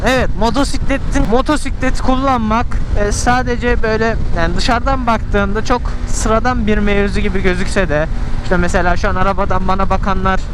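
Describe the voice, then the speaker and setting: A man's voice: sits high, fairly even intonation, a little fast. A young man from Turkey chatting casually and ramblingly to his viewers as he rides a motorcycle. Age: young adult. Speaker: motorcycle vlogger. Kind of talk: casual unscripted vlog monologue while riding. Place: outdoors on a moving motorcycle in traffic. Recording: noisy outdoor traffic and engine sound. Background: vehicle and road noise.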